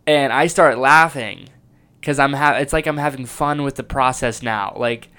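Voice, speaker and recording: Smooth-voiced man breaking down his comedy. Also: mid-range voice, moderate pace, sharp tone. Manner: enthusiastic and self-reflective, with restarts. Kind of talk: analyzing his own stand-up clip.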